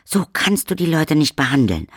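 A man's voice: on the high side, very animated, moderate pace, a bit bright, breathy edge, no echo, clean studio sound, pitched above the performer's own voice, exaggerated voice. A man voicing a sullen young woman who speaks with sulky indignation. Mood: indignant.

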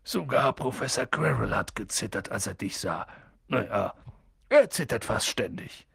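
A man voicing a huge, friendly giant who talks low, gruff and clipped, often dropping to a mutter. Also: expressive, moderate pace, fairly bright tone, dry recording, clean studio sound, full character voice. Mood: confiding.

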